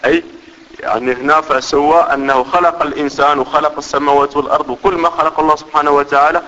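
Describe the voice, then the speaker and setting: A man's voice: fairly high pitch, steady tone, quick pace, bright, forceful tone. A man giving a religious lesson, explaining step by step and often checking that listeners follow. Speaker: religious teacher. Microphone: microphone. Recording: dull reverberant hall recording.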